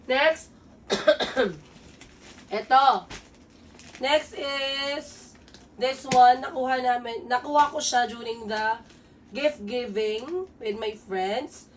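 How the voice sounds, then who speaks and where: A hoarse woman, chatting casually as a vlogger while unboxing gifts at home, switching between English and Tagalog. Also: on the high side, extremely slow, long pauses. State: hoarse from a sore throat. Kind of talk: casual gift-unboxing chat. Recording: distant mic, faint room noise.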